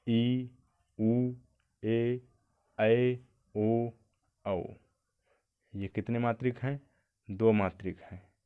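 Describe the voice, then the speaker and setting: A man teaching an exam-prep grammar lesson. He asks questions and answers them himself, repeating the key points. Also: lowish voice. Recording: tinny lo-fi phone-like sound.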